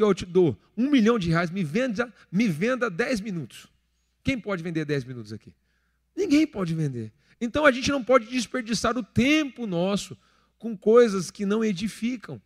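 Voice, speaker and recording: In a church hall with long reverb, a Brazilian-accented pastor in his thirties delivers a sermon in a joking, conversational style. His high, slightly bright voice acts out small everyday scenes.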